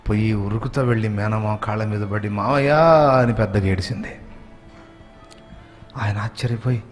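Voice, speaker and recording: A male preacher narrating a story in a sermon, building to loud, raised emphasis. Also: little pitch movement, moderate pace, soft background music. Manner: dramatic narration rising to loud, high emphasis.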